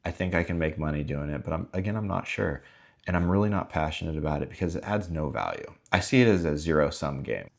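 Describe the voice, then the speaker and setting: A man's voice: extremely low pitch, animated, fast talker, gravelly. A man vlogging casually about his life, talking in a rambling, frustrated way. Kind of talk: casual self-filmed vlog.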